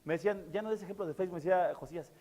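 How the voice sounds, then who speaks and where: Man, pastor preaching, high voice, long church reverb, earnest, repeats words. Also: very fast, warm tone. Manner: earnest, repeats key words, many fillers. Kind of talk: sermon.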